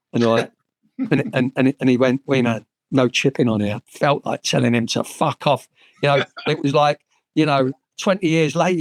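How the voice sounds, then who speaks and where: A man's voice: mid-range voice, no room sound. Frank, sweary English man in his sixties. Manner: frank, sweary, many restarts and fillers. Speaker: former footballer guest. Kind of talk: storytelling anecdotes in conversation.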